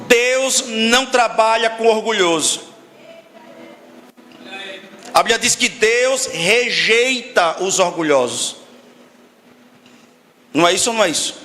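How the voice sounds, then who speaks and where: A man's voice: sits high, expressive, a little slow, bright, forceful tone, in a large hall. A man preaching a sermon as pastor, emphatic and constantly asking the congregation questions.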